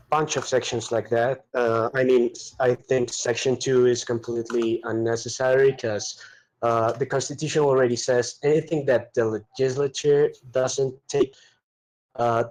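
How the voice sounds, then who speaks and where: A man's voice: mid-range voice, darkish tone, rough recording. A man debating bill wording over a choppy online group voice chat, speaking hesitantly with many fillers. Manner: hesitant, filler-heavy, halting. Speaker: debate participant. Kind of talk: online community policy debate.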